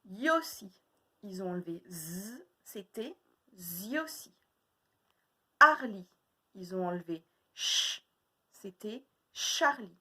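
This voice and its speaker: A woman teaching a phonics lesson to young children, speaking slowly and repeating each sound and word deliberately. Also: medium pitch, a bit bright.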